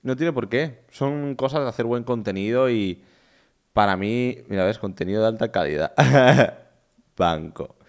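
Un hombre joven de España, streamer, comentando en directo con entusiasmo y muchas repeticiones desde su cuarto. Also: male voice, mid-range voice. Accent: Spain Spanish. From Spain. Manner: enthusiastic, repetitive, chatty. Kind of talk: casual live-stream commentary. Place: his own room.

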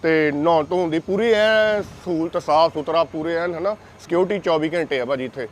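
A Punjabi-accented man, a truck driver, showing his truck and cab in casual chat, eager and quick to agree. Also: fairly high pitch, a little hiss or hum. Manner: eager, agrees often with repeated "bilkul". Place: parked truck and cab, outdoors, then driving.

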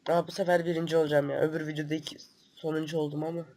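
A man with a cold and a stuffy nose, hosting excitable gameplay commentary, swearing and breaking into loud outbursts. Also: a little high, rapid-fire. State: sick with a stuffy nose and cough. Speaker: gaming channel host.

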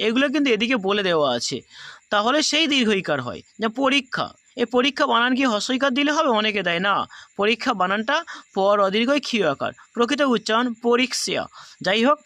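A man's voice: very high voice, sharp tone, no echo. A man teaching a grammar lesson with a Bengali accent, patiently repeating each rule step by step for his students.

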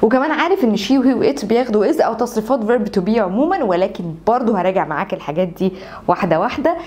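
A young woman with an Egyptian Arabic accent leads a beginner English lesson. She explains each point, then says example sentences slowly and repeats them so that learners can copy her. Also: mid-range voice, expressive, darkish tone. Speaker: English teacher. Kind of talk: online language lesson.

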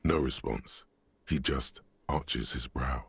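Game narrator, extremely low, gravelly and husky, dry and measured. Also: male voice, a bit bright, no echo, full character voice. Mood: wry. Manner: dry, wry, measured commentary. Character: grave gravelly male narrator of a detective's inner mind.

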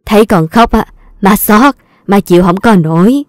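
A woman's voice: mid-range voice, expressive, moderate pace, no echo, studio quality, natural voice. A woman with a Southern Vietnamese accent voicing a doting older mother-in-law who coaxes and fusses. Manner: doting, coaxing.

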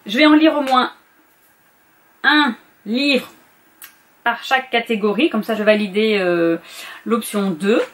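A woman's voice: on the high side, measured pace, pauses often, a bit bright, a little hiss or hum. Chatty woman listing her reading picks. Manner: chatty, hesitant, corrects herself often. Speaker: book vlogger. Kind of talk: casual book list vlog.

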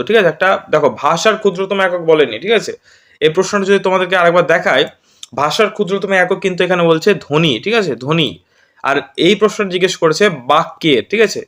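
A male teacher from West Bengal runs an exam-prep grammar lesson in a high, slightly bright voice, talking fast. After each point he asks "ঠিক আছে?" ("right?"), quizzing his students as he goes.

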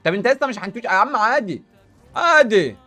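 A young man with an Egyptian Arabic accent giving animated, slang-filled gameplay commentary as a gaming YouTuber. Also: sits high. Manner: animated, rapid, hype-filled street slang.

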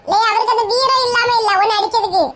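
In a comedy sketch, a woman with a Kanyakumari Tamil accent plays a tearful, hot-tempered young woman who scolds with quick insults, defiant in mood. Her voice is very high, and there's background noise.

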